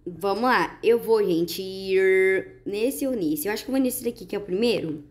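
A woman with a Brazilian Portuguese accent giving chatty, excited gameplay commentary to her viewers. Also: mid-range voice, moderate pace. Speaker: gaming YouTuber.

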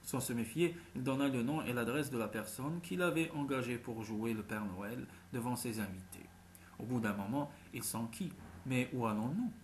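A man calmly reading a fantasy short story aloud as narrator. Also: mid-range voice, normal speed, slight background noise.

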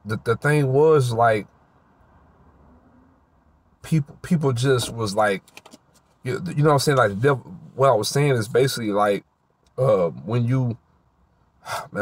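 A teary man tells his faith testimony outdoors in a park. He halts, rambles and hunts for words, his voice a little mushy from crying. The sound is dry and close, and his pitch sits in an ordinary middle range. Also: no echo. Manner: halting, rambling, searching for words. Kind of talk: emotional spoken testimony to camera.

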